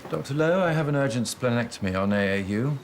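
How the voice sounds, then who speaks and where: A man's voice: medium pitch, animated, fast talker, noisy background, lightly acted. A man playing a stern, restrained senior surgeon in a TV hospital drama, speaking in a clipped, precise, formal way. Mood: cool, insistent. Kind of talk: scripted TV drama dialogue.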